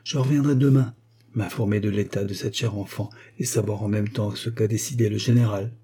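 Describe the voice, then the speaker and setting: A man's voice: fairly low pitch, fairly even intonation, a little fast, mellow, slightly rough. A man voicing a scheming baron who poses as an old priest, with a quavering voice and feigned grief.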